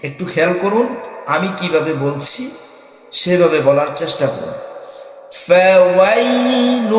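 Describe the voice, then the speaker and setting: High-voiced teacher chanting in a booming hall. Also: male voice. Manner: slow drawn-out chanting alternating with quick spoken explanation. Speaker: Quran recitation teacher. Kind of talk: recitation lesson, explaining and chanting verses.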